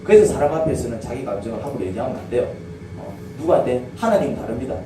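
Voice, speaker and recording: A male pastor with a medium-pitched voice preaches fast, his pitch swinging widely. He asks the congregation questions and they reply in call-and-response. The church sanctuary sounds echoey, with a distant mic and background noise.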